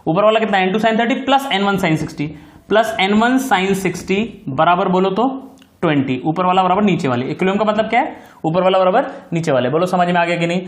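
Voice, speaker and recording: A man teaching a physics lesson, his voice sitting high for a man. He walks through each step, repeats the key points and checks again and again that his students follow. The sound is roomy and echoey, like a classroom. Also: fairly quick. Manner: affectionate address to students. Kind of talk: recorded classroom lecture.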